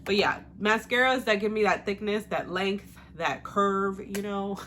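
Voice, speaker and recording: A woman's voice: mid-range voice, unhurried, pushed and bright, slight background noise. A young woman chatting casually through her everyday makeup routine, rambling with fillers and the odd laugh. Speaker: beauty vlogger. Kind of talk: casual makeup tutorial chat.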